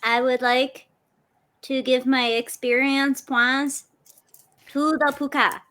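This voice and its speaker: A woman's voice: high-pitched, little pitch movement, takes it slowly, fairly bright tone. A woman playing in a tabletop game, chatting casually. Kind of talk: casual chat.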